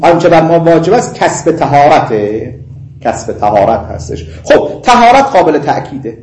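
A middle-aged man lectures students on Islamic law in a roomy, echoing classroom. His voice sits a little high, and he checks often that the class follows him. He moves from Arabic legal formulas to friendly asides. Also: sing-song, darkish tone, slight background noise. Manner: mixes in Arabic legal phrases, chatty asides and laughter. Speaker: seminary teacher.

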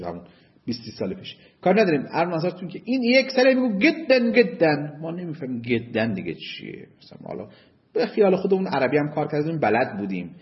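Man lecturing with lively pitch. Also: lo-fi sound. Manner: slow deliberate reading of Arabic text, then lively asides. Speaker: seminary teacher. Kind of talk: lecture on Islamic jurisprudence.

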